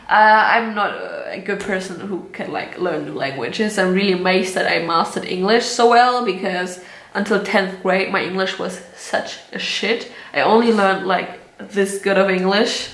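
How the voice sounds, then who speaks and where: A German vlogger in her 20s, whose first language is German, chats candidly to the camera from a room at home. Her mid-pitched voice is unfiltered and chatty, she laughs a lot and swears casually, and the recording carries a roomy echo.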